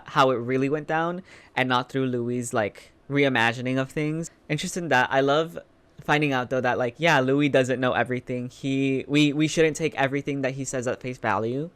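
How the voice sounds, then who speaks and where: A man's voice: mid-range voice, a bit bright, smooth. A man giving casual, chatty reaction commentary, informal and emphatic, repeating phrases for emphasis. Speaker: reaction video host.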